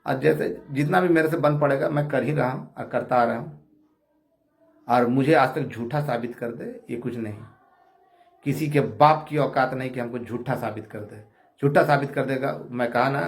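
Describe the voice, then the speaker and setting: A man giving a heated monologue from his home prayer room, combative, insulting his rivals and swinging between shouting and low muttering. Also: steady tone, moderate pace, reverberant. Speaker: online commentator appealing to viewers.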